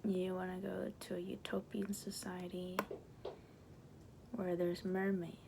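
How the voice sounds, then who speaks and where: A woman in a whispered role-play voicing a sly, persuasive she-devil, in a breathy, coaxing demonic whisper. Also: on the low side, completely flat delivery, a little slow, noisy background. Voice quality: breathy whisper with creaky edges.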